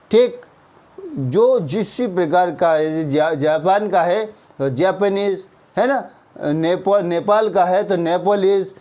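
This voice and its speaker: A man with a Hindi accent teaching English grammar, explaining slowly and checking in with the class after each point. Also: on the high side, dark tone. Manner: slow explaining, drawn-out example sentences, frequent "theek hai na" checks. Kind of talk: classroom-style grammar lesson.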